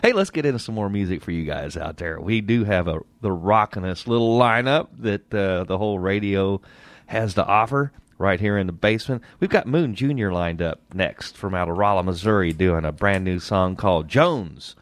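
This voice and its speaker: A man hosting a radio show, introducing songs in a folksy, lively way. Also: low-pitched, normal speed, no room sound. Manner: lively, folksy, plays up his lines. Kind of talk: casual radio chat and song intros.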